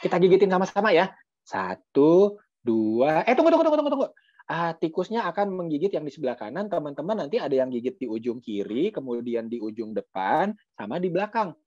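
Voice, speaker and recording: A man telling a children's story over video call, lively and coaxing the children to join in. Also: a little high, a little fast, no room sound. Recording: dull dry video call audio.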